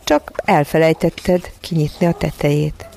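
A woman voicing a calm, friendly bear who talks slowly, in a storybook reading. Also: deep voice, vocal fry, a little hiss or hum. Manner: slow, easygoing, smiling.

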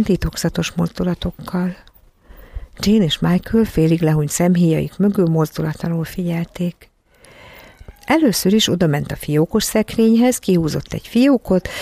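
An audiobook narrator reads a children's story in an even, measured way. The voice has a gravelly fry at mid pitch, and the recording is close and dry with no room sound. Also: no room sound.

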